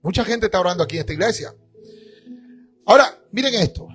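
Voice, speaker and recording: A male pastor preaching a church sermon, emphatic, rising at times to shouts. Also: high voice, lively intonation, fast talker, faint music behind.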